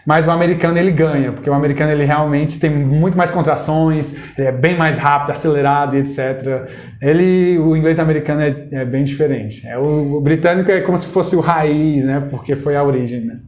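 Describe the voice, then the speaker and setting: A man's voice: fairly high pitch, brisk. Brazilian man teaching English, echoey room. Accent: Brazilian Portuguese. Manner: switches between Portuguese and English examples, relaxed. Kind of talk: casual interview explaining.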